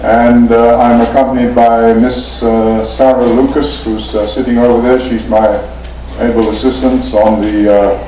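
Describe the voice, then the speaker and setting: A man from Fiji, chairing a formal meeting in a polite, measured way with frequent pauses. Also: mid-range voice, level tone, dark tone, a little hiss or hum. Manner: polite, measured, often pausing. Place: conference meeting room. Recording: echoey meeting room, mic at a distance.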